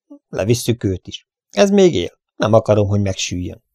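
A man voicing a bold young male cowboy hero who gives urgent, shouted commands. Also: on the low side, big pitch swings, dry recording, clean studio sound.

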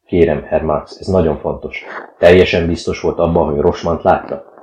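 Pushy young newsman asking hard questions in a storybook, read by a deep-voiced man. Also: steady tone, darkish tone, slight background noise, close to an everyday voice. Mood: pressing. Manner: pressing, insistent questions. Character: insistent young male journalist. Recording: dull, roomy recording.

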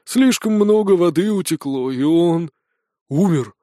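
A boisterous male dwarf miner speaks in a loud, folksy, proud manner, played by a male audiobook reader. His voice sits a little high and sounds dry and close. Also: expressive, a little slow, no echo.

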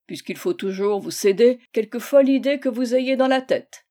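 A woman's voice: fairly high pitch, animated, normal speed, dark tone, lightly acted. A woman reading the part of a grumbling, put-upon old man of sixty-four in a storybook reading. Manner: complaining, pleading.

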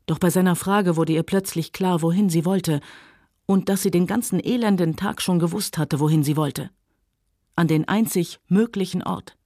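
Calm woman reading a novel aloud. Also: fairly low pitch, no echo, clean studio sound. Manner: calm, measured storytelling. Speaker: audiobook reader. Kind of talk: scripted narration of a novel.

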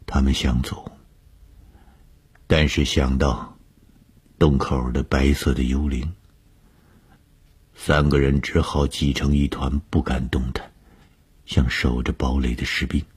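A man telling a suspense story for radio, slow and measured, often dropping to a hushed whisper. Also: little pitch movement. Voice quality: very deep, husky.

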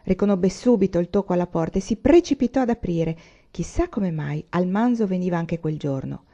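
Steady, measured woman audiobook reader, low and mellow on a dull lo-fi recording. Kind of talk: audiobook reading. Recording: muffled lo-fi recording.

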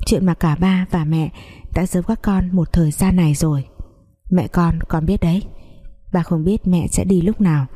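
A woman voicing a weary, gentle older stepfather who explains things in a halting, sorrowful way while telling a story. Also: fairly low pitch, steady tone, natural voice.

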